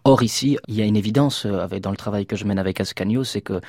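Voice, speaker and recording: A man from Liège speaks as a guest on a radio show, rattling along at high speed. His voice sits fairly low, and he often restarts his sentences in his eagerness. The sound is close and dry, with no room around it. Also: a little mellow, no echo. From Belgium, Liège. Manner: rapid, impassioned, with quick restarts. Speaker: theatre actor, guest. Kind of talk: radio interview talk.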